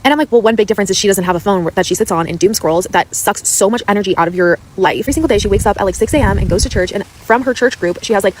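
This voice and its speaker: A woman in her mid twenties telling a story in a casual vlog, rambling and animated. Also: mid-range voice, racing, hardly any pauses, a little hiss or hum. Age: 20s. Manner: rambling, lots of "like" fillers, animated retelling.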